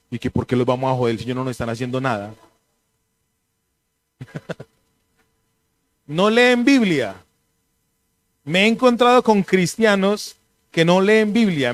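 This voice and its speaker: A man, a pastor giving a conversational sermon and telling animated, joking stories. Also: sits high.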